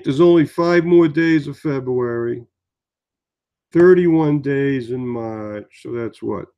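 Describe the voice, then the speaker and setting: A man's voice: mid-range voice, mellow. A man in his sixties, tired, chatting in a meandering, rambling way in a casual vlog. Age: 60s. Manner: meandering, chatty storytelling with many fillers. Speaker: vlogger.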